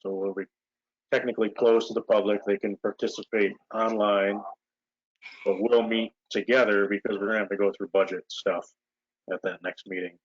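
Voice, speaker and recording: Low-voiced mayor, rambling and relaxed. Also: male voice, normal speed, slightly rough, no echo. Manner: relaxed, rambling with many fillers. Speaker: village mayor chairing board meeting. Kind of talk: casual meeting talk. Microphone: video call. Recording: muffled lo-fi video call audio.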